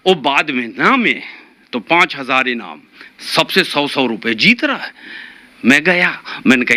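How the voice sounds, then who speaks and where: Animated man telling comic stories. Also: on the high side. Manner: animated, repeats lines for comic effect. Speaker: stand-up comic poet. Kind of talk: stand-up comedy storytelling.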